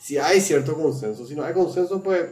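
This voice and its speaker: A man co-hosting a podcast in casual chat, halting and searching for words with many fillers and restarts. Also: fairly high pitch, expressive, a little mellow. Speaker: podcast co-host. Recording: echoey room with faint noise.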